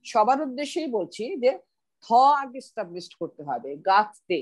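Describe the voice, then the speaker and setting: A woman's voice: a little high, big pitch swings, moderate pace, a little mellow, breathy edge, dry recording. A middle-aged woman teaching pronunciation on a video call, patiently repeating words for her students. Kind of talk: online class, explaining pronunciation.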